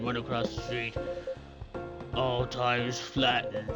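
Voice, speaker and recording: A gruff middle-aged dad spinning a spooky tale from his night shift, read out by a man playing a game. He leans on words slowly for dramatic effect at an everyday pitch. Loud game music plays underneath. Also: close to an everyday voice, poor audio. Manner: gruff, dramatic storytelling with slow emphasis.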